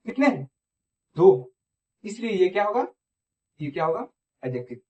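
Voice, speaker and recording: A man's voice: sits high, sing-song, normal speed, mellow. A man teaching English grammar in Hindi. He asks questions, answers them himself, and checks in often. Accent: Indian. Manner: repeats phrases and checks in with "theek hai". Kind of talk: classroom lecture.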